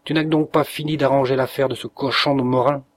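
A man voicing a gruff, impatient male friend who grumbles curtly in an audiobook story. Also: medium pitch, fairly even intonation, brisk, lightly acted. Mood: irritated. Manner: curt, irritated.

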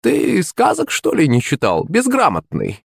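A man's voice: very high voice, huge pitch swings, normal speed, vocal fry, breathy edge, dry recording, clean studio sound, voice pushed up, full character voice. A man voicing a sly, whiny old witch woman who lives in the forest, with a wheedling, cackling manner. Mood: sly boastful.

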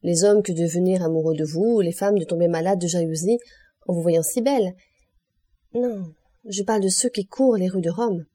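Urbane gallant duke, genial host, dark mellow voice, read by a woman, audiobook. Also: lowish voice, moderate pace, lightly acted.

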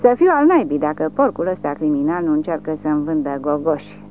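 A woman voicing a young, sadistic male military police lieutenant who barks cruel orders and sneering taunts in a shrill, childish screech. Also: animated. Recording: tinny lo-fi with faint hum.

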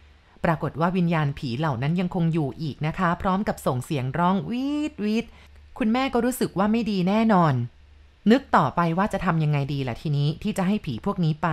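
A woman narrating a ghost story in a calm, polite and measured way. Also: lowish voice.

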